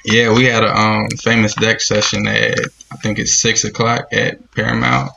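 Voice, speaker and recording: Easygoing gravelly young man from Ohio. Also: on the low side, flat delivery, moderate pace, sharp tone, muffled recording, a little hiss or hum. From Dayton, Ohio, US. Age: 20s. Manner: easygoing slang-heavy talk, says "man" a lot. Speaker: podcast guest, music producer. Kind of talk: casual podcast chat.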